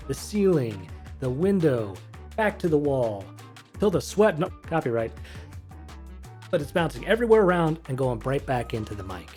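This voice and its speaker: A man's voice: medium pitch, a little mellow. A man in his thirties, a voice actor, explaining technique in a chatty, rambling way full of self-corrections. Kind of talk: casual instructional commentary.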